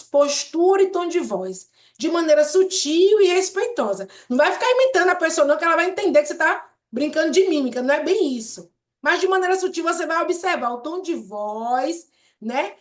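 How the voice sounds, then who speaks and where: A woman's voice: high-pitched, roomy sound. A woman leading an online therapy group session, chatty and talking to the group directly, acting out sample dialogues. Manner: chatty and warm-hearted, addresses the group often as "gente", acts out example dialogues. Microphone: video call.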